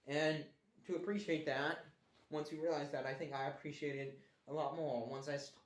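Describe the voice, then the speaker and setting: A man with a fairly high, steady voice at normal speed casually reviews a cartoon show, putting on an Australian accent. He rambles, restarts his sentences and mock-complains, recorded in an echoey room.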